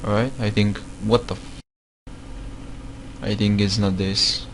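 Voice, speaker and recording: Over poor audio with a little hiss or hum, a non-native English-speaking man slowly explains how to build game mods in a screen-recorded tutorial. His lowish voice is flat, and he speaks hesitantly, repeating words and using many fillers.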